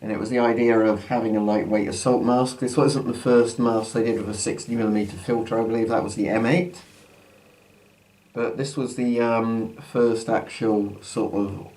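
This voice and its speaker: A man's voice: medium pitch, flat delivery, normal speed, a little mellow. A man talking through a gas mask with a muffled sound, giving a casual unscripted demonstration as a presenter. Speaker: presenter testing military gas masks. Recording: noisy amateur recording with background noise.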